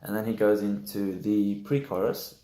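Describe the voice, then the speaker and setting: A young man giving a casual guitar lesson, halting and full of fillers, correcting himself as he goes, sounding just woken up. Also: lowish voice, steady tone. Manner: hesitant, many fillers, self-correcting. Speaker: guitar teacher. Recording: roomy echo with loud guitar playing.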